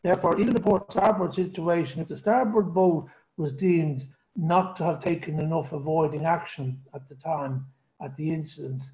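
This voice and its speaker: A man asking a question on a video call that keeps breaking up, in a measured way. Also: fairly high pitch, lo-fi sound. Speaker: panel participant asking a question. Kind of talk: online panel discussion.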